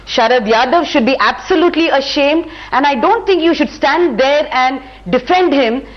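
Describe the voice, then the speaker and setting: A woman scolds an opponent as a debate panelist. Her voice is high and comes through a somewhat dull, lo-fi feed. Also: moderate pace. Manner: indignant, scolding. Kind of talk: TV debate argument.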